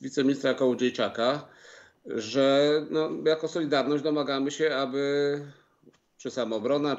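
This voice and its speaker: Halting middle-aged man on a video call. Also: mid-range voice, darkish tone. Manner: halting, many filler sounds and restarts. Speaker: farmers' union representative. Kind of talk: remote interview, recounting events. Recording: slightly dull video-call audio.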